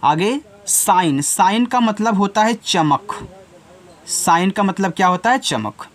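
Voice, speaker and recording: A man's voice: high voice, lively intonation, slow pace, a bit bright. A man teaching children, spelling out words letter by letter and answering his own questions. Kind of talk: spelling and explaining lesson.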